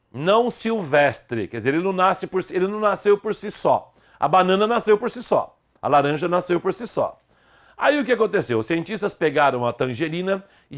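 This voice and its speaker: A man giving a spelling lesson as a grammar teacher, emphatic and animated, acting out his examples. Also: a little high.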